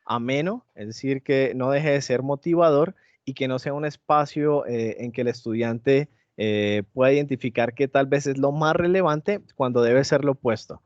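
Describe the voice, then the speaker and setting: A man presenting an online teacher training, pausing often with fillers and checking in with his listeners as he goes. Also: medium pitch, no echo. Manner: hesitant, many fillers and tag questions. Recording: dry, dull lo-fi mic.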